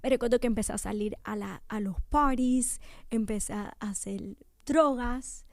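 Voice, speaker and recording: A woman's voice: fairly high pitch, moderate pace, no echo. A young woman giving an emotional personal testimony in a radio studio, often sinking to a near whisper.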